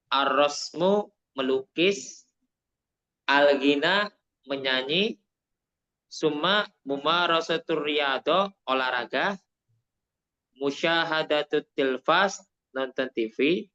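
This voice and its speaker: A man from Indonesia with a Javanese accent, teaching Arabic in an online class, mixing Arabic and Indonesian and repeating things slowly to explain. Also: fairly high pitch, bright, forceful tone, lo-fi sound.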